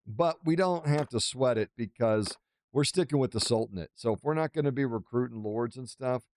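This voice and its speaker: A man's voice: mid-range voice, moderate pace, darkish tone, no echo, clean studio sound. A man giving casual, exclamatory commentary over a video game playthrough, with a playfully boastful manner. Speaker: gaming video host.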